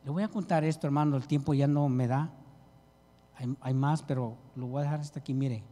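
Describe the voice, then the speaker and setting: A man's voice: medium pitch, fairly quick, warm tone. A man preaching a sermon, pleading with his listeners and calling them brother. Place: church hall. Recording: reverberant church hall.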